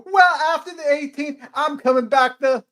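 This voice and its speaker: In a dramatic reading of a court hearing, a woman plays a flustered, indignant litigant pleading her case haltingly and repetitively. Her voice is high with a fairly bright tone.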